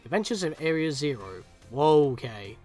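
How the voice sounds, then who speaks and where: A man's voice: a little high, sing-song, normal speed, a little mellow, faint music behind. A man giving chatty, casual commentary on a video game as he plays, reading text aloud and reacting to it. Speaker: let's play streamer.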